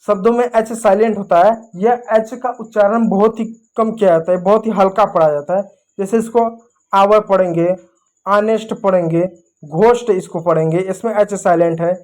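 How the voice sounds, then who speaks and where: A woman's voice: mid-range voice, darkish tone. Woman, English teacher, patient, repetitive, spells letter by letter. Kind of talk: explaining English spelling rules in Hindi.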